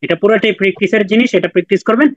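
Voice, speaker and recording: A man's voice: sits high, racing, dry recording, lo-fi sound. A man teaching Quran recitation in an online class, patiently repeating and drilling letter sounds with his students.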